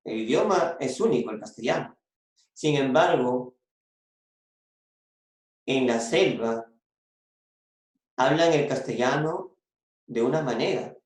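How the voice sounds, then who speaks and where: Slow, echoey coastal Peruvian male teacher. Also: medium pitch, expressive, a little mellow. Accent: coastal Peruvian Spanish. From Peru. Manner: explains step by step, repeats key phrases, adds "¿no?" and "¿ya?". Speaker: secondary school language teacher. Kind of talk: recorded school lesson. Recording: echoey room recording.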